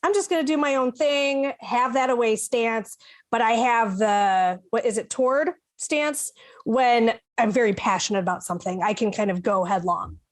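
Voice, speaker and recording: Fairly high-voiced woman panelist. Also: moderate pace. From Chicago, USA. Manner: thoughtful, searches for words mid-sentence. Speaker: podcast panelist. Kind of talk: casual reflective discussion.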